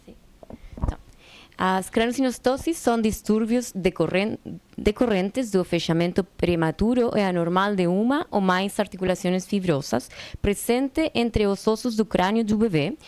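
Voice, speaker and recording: A woman's voice: medium pitch, moderate pace, darkish tone, clear, resonant tone. A non-native Portuguese-speaking woman with a foreign accent, carefully reading out a formal medical lecture with small stumbles. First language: not Portuguese. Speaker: medical presenter. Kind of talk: scripted medical lecture, read aloud.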